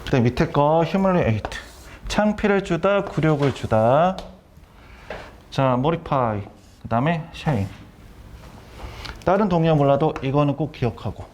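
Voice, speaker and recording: Brisk man lecturing on vocabulary. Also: a little high, expressive, darkish tone, slight background noise. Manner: brisk, repeats key terms, quizzes students. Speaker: academy director teaching vocabulary.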